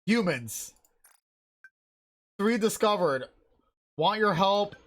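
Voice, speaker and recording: A woman's voice: mid-range voice, expressive, slow pace. An actress voicing a young female soldier in a game, calling in urgently in short broken phrases. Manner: terse telegraphic phrases.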